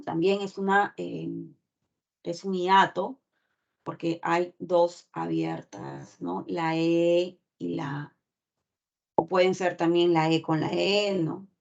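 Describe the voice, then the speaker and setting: A woman's voice: on the low side, gravelly. A woman teacher giving a class lecture, explaining step by step and checking in with constant tag questions. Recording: dull lo-fi recording.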